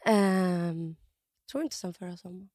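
A woman's voice: lowish voice, steady tone, a little mellow, no echo, studio quality. A young woman co-hosting a podcast, telling a story animatedly with lots of fillers and acted-out quotes. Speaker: podcast co-host.

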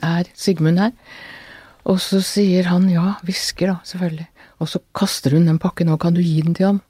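An older woman, an author being interviewed, telling her family's story in an earnest, halting way with many restarts. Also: lowish voice, mellow, no echo, clean studio sound. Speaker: author guest. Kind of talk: reflective interview talk.

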